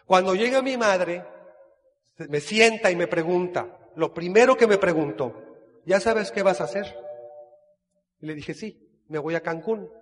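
A man from Mexico with a Mexican accent, telling his life story in a casual, animated way and acting out the dialogue. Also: high voice, a little slow, long pauses, in a large hall. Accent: Mexican Spanish. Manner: animated storyteller who acts out dialogue, with frequent restarts. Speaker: business speaker sharing his life story.

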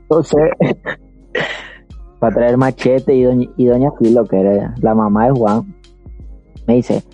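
A man's voice: mid-range voice, slow, faint music behind. A young man with a Nicaraguan Spanish accent telling a childhood story in a casual chat, acting out the voices of the people in it. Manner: animated, acts out voices in his story.

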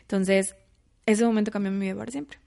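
A woman's voice: mid-range voice, a little fast, gravelly. A young woman, telling her life story as a guest in a casual interview and acting out the voices of her family. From Mexico. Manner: lively storyteller, acts out quoted family voices.

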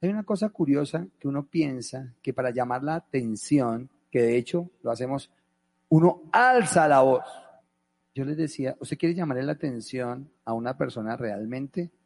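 Husky-voiced man teaching voice technique. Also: normal speed, hardly any pauses. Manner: shifts loudness and pitch to demonstrate; asks the audience questions. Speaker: voice coach. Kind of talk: lecture on voice technique.

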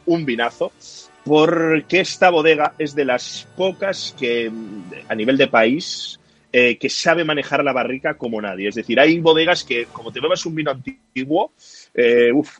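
Husky-voiced man telling a long story. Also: mid-range voice, fairly bright tone. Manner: chatty storyteller, explains at length. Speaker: podcast guest, wine enthusiast. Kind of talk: casual podcast chat.

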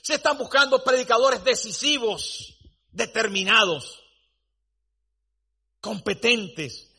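Emphatic high-voiced man preaching. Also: slow pace, sharp tone, breathy edge. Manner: dramatic storytelling, rising to emphatic declarations. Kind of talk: sermon.

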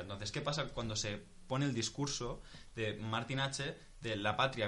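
A young Spanish man in a casual group discussion thinks aloud, restarting often and swearing when he gets stuck. His voice is medium-pitched, pushed, and bright.

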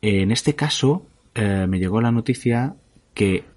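A man's voice: lowish voice, unhurried, darkish tone. A man co-hosting a podcast, chatting casually, rambling and correcting himself mid-sentence, with casual swearing. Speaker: podcast co-host. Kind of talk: casual chat.

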